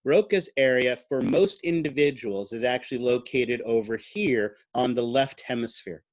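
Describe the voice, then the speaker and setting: A male lecturer teaching a class in an easygoing, conversational way. He speaks at a middling pitch, uses frequent "uh"s and turns to the students with questions. He sounds like an ordinary classroom talk. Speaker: biology lecturer.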